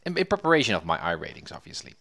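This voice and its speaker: A man's voice: lowish voice, very animated, racing, a bit bright. Man on a livestream headset mic, eager. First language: not English. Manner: eager, with many ums and restarts. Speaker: livestream host. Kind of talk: casual livestream commentary.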